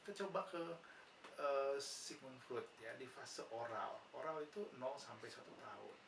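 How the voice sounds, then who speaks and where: A man with an Indonesian accent explains psychology as a nursing lecturer, pausing on "ya" and posing rhetorical questions. He sounds far from the microphone in an echoey room. A clear background hiss sits under his voice. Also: mid-range voice. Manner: patient, asks rhetorical questions and answers them, frequent "ya" fillers. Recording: roomy, distant mic, noisy background.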